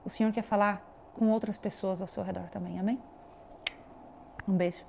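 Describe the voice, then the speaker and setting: A woman's voice: mid-range voice, fairly even intonation, normal speed, creaky, dark tone, slight background noise. A woman preaching a devotional video sermon, earnest and exhorting, speaking straight to the viewer. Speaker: online preacher.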